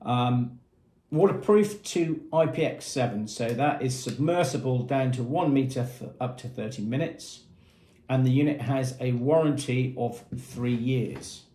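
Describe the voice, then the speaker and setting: Seated at a table in a small, echoey room with painted block walls, a fifty-something man presents products for a marine equipment retailer. His voice is medium in pitch and dark in tone, and he speaks unhurriedly. The walkthrough is plain and methodical, delivered informally in short phrases.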